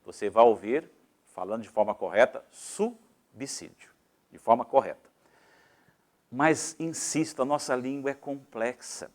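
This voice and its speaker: A man's voice: mid-range voice, a bit bright. A man with a Brazilian Portuguese accent giving a didactic lecture on public speaking, explaining step by step and shifting his volume and pace freely.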